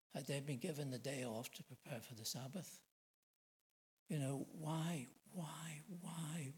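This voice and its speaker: A man's voice: mid-range voice, poor audio. Earnest middle-aged male preacher. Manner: earnest, emphatic, asks rhetorical questions. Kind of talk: sermon.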